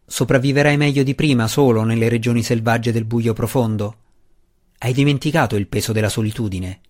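A grumbling, sarcastic deep gnome guard acted by a man reading an audiobook. He growls his words and bristles easily, a stubborn and gruff little fellow of the underground. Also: brisk, darkish tone, lightly acted. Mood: growling.

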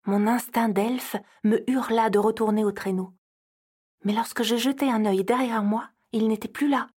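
A woman giving expressive scripted narration for an audio story. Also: on the high side, moderate pace, breathy edge.

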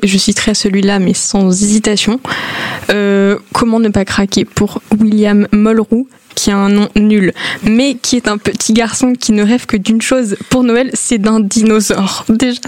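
A woman co-hosting a book show, gushing enthusiastically about a children's book. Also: mid-range voice. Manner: gushing, enthusiastic, fairly even-toned. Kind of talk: casual book recommendation.

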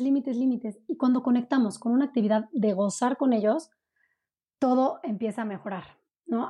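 Woman, mellow tone, higher pitch; conversational guest. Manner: warm explanatory, frequent "¿no?" tags. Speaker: parenting coach guest. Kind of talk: conversational interview.

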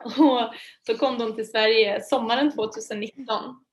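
A woman guest telling a personal story in a lively, chatty way, laughing often and using many fillers. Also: on the high side. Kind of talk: casual storytelling.

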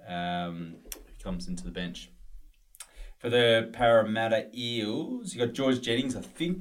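A male podcast co-host in casual sports chat, rambling through team news with plenty of fillers. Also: fairly low pitch.

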